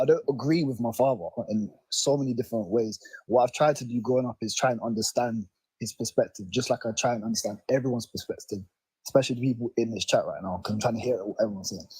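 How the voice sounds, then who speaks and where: A man's voice: medium pitch, darkish tone, breathy edge, dry recording, low-quality recording. A young man with a South London accent talking casually and earnestly in informal slang as a caller on a livestream. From South London, England. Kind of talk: casual opinion talk. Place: alone in his room.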